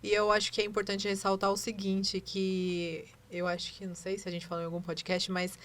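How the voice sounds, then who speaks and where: Quick-talking woman podcast host. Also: medium pitch, completely flat delivery, a bit bright. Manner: reflective, asks follow-up questions. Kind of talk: casual podcast chat.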